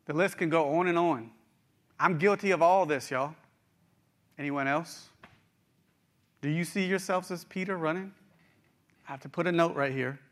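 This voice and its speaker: A middle-aged preacher from West Virginia delivers a sermon in a folksy, conversational style, addressing his listeners directly in his regional accent. His voice is a little high and fairly bright, at normal speed with frequent pauses.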